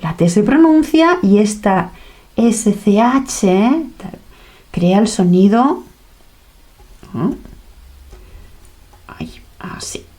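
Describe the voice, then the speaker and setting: A woman's voice: mid-range voice, animated, slow, mellow. A woman teaching a language lesson in a playful way, acting out sounds and little reactions.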